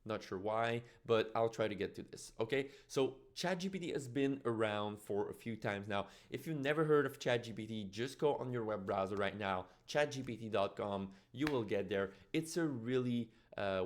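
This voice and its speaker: A man's voice: lowish voice, normal speed, few pauses. A man with a French Canadian accent, a native French speaker, giving an explanatory tutorial as a trainer in an informal way, often checking in with "right?". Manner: informal teaching with frequent "right?" check-ins. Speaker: software trainer and tutorial presenter.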